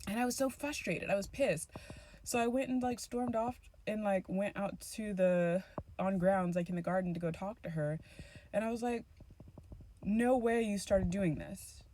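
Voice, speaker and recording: Tarot vlogger, young woman, mid-pitched, rambling casual storytelling with many fillers. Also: moderate pace, dark tone, slight background noise. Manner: rambling, full of fillers and restarts. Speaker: tarot channel host.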